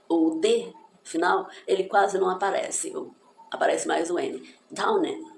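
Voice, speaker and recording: A woman with a gravelly, somewhat low voice teaches an English lesson in an encouraging, reflective way. She slowly breaks down pronunciations. Her voice rings in an echoey room with faint background noise. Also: darkish tone.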